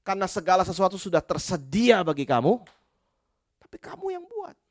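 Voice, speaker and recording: God as a blunt, commanding voice, as a male preacher acts him out. He gives terse instructions in a high, lively tone with English thrown in. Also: fairly quick, no room sound, studio quality. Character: God as a blunt, matter-of-fact voice.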